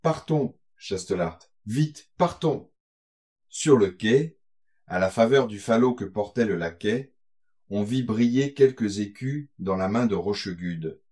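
Slow, measured male audiobook narrator. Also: on the low side, darkish tone. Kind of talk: literary audiobook reading.

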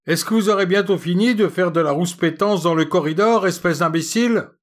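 A man voicing an irritated young male student who shouts from his bed, in a raised voice. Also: high voice, a little fast, pitched above the performer's own voice, close to an everyday voice.

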